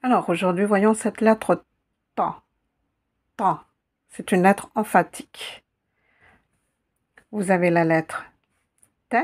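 A woman teaching a slow, patient language lesson who repeats each sound carefully. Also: medium pitch, fairly even intonation. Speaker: Arabic teacher.

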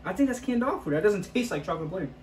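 Man, fairly high voice, casual competitive banter, eating gross jelly beans, roomy echo. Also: sing-song, very fast. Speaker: host of a food challenge video. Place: small room at a table, indoors. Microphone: camera a few feet away. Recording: roomy echo, faint background noise.

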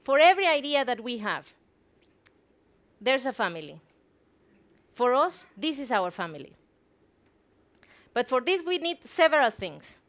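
On stage in a theatre hall, a Guatemalan woman in her thirties delivers a prepared conference talk through a headset mic, her Spanish-native Guatemalan accent clear. She sounds very animated, with a high, fairly bright voice at a measured pace, pausing often.

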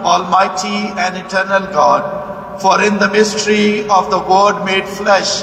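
A man, a priest, reciting the prayers of the Mass in a measured, solemn manner, his voice echoing through a large cathedral. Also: sits high, pushed and bright. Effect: cathedral echo. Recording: echoey cathedral, distant mic, faint hum.

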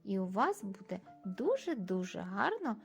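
A woman speech therapist teaching young children, slowly repeating words in a clear, drawn-out, sing-song way. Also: medium pitch, sing-song, soft background music.

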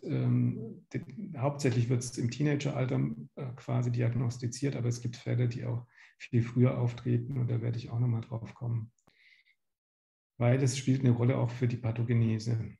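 Speaking from a small room on a video call, this man in his fifties from Germany, a pediatric gastroenterologist, lectures patients through slides in an explanatory but slightly hesitant way. His mid-range voice sounds creaky and warm, with the echo typical of a home or office.

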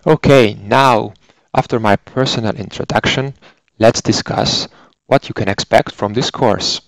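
A software trainer and consultant engineer in his forties, speaking with a Hungarian accent, delivers scripted instructional narration. His fairly low, gravelly voice explains things methodically at a measured pace. The recording is close and very dry, with no room sound or echo, but the audio is poor.

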